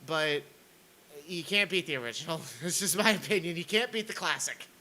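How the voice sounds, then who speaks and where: Male streamer, sarcastic rant, high-ish piercing bright voice, faint hum behind. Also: animated, normal speed, rough recording. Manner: sarcastic, mocking, reads posts aloud. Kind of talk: ranting commentary stream.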